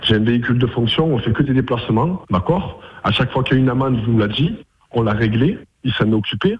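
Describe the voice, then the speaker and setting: A man's voice: medium pitch, animated, fast talker, slightly rough. A man on the phone, stammering and protesting at length, heard over a lo-fi phone line. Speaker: prank call target. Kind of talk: phone conversation. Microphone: telephone.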